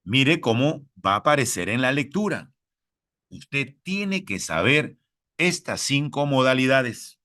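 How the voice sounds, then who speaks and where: A man with a Peruvian Spanish accent teaches at an unhurried pace, his voice bright and lively in pitch. He repeats each rule slowly and addresses the listener directly as a fellow teacher. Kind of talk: recorded lesson for teachers.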